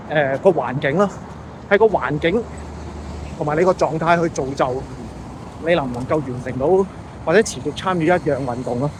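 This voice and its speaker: A man's voice: fairly high pitch, background noise. A man with a Hong Kong Cantonese accent gives an unscripted, casual monologue, talking conversationally and checking in with rhetorical questions. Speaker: vlogger.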